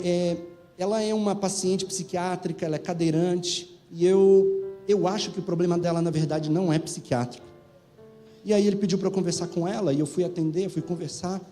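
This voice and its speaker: Fervent Brazilian pastor preaching, high voice. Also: male voice, mellow. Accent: Brazilian Portuguese. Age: 40s. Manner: preaching, rising and falling in fervent bursts. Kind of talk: sermon.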